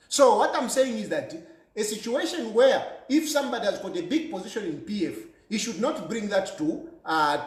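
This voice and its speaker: A man's voice: high-pitched, darkish tone, reverberant. A man with a Zambian accent delivering an impassioned political monologue, fervent and repeating phrases for emphasis. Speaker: political commentator.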